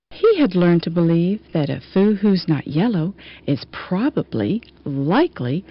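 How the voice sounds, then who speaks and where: In a mid-range voice, a woman reads a rhyming children's picture book aloud, her expressive, melodic delivery rising and falling freely through the story. The audio is somewhat dull and lo-fi.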